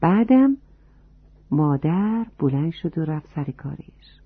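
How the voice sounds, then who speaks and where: A husky, sing-song, mid-range voice tells a storybook tale, warmly speaking straight to the children listening. The recording is dry and tinny, like it came through a phone.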